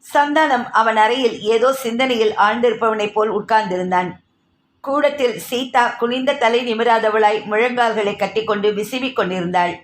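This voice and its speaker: A woman's voice: on the high side, moderate pace, roomy sound, a little hiss or hum. A woman reading a novel aloud as a narrator, voicing the characters' dialogue herself. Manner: reads characters' dialogue in her own voice.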